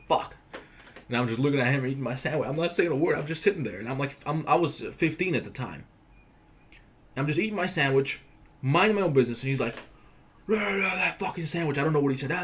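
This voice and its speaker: Young male livestream host from Croatia, mid-range voice, blunt and profane, animated storyteller. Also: medium pitch, a little hiss or hum. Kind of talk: casual livestream rant.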